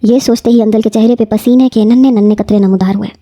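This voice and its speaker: A woman narrating a romance novel in a steady, measured reading voice. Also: fairly high pitch, dry recording, studio quality.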